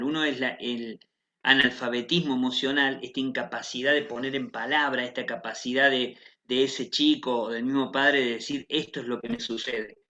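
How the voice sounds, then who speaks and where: A man's voice: medium pitch, sharp tone. Man, Rioplatense accent, panelist, reflective, fillers, muffled audio. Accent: Rioplatense Spanish. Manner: reflective, with frequent fillers like "este". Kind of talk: panel discussion.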